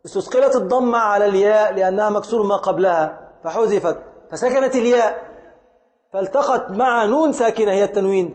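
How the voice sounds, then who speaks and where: A man with an Egyptian accent teaching grammar in a lecture, deliberate, repeating his points and quizzing the students. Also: high-pitched. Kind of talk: classroom lecture. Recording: echoey hall reverb.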